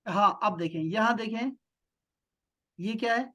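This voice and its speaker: A man's voice: high-pitched, fairly bright tone. Male teacher questioning his class. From Pakistan. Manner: questioning, repeats "theek hai" and "na". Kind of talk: online class lecture.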